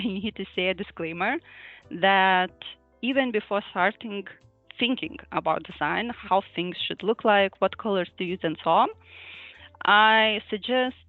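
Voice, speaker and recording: A Lithuanian woman presents to an online user group over a video call, speaking in a mid-range voice and hesitating often with fillers and little laughs. The sound is dry and thin, like a phone line, with no room tone and some faint music behind her.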